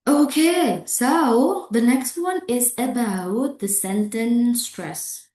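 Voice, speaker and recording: A woman's voice: fairly high pitch, slow pace, dark tone. A woman with an Indonesian accent giving a pronunciation lecture, often checking in with "okay" and "yeah" and making small grammar slips. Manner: non-native grammar slips. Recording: roomy echo.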